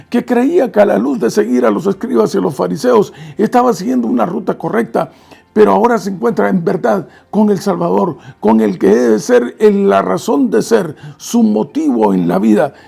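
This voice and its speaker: A man's voice: sits high, vocal fry, dark tone, husky. A man preaching a sermon in earnest, reading scripture aloud and stopping to explain it.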